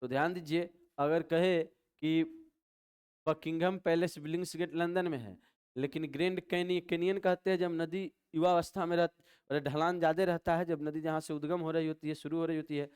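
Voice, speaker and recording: A man's voice: fairly high pitch, steady tone, moderate pace, darkish tone, clear, resonant tone. A man with a Bihari Hindi accent teaching a coaching class lecture, asking questions and answering them himself in repeated drills. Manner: repetitive call-and-response drilling.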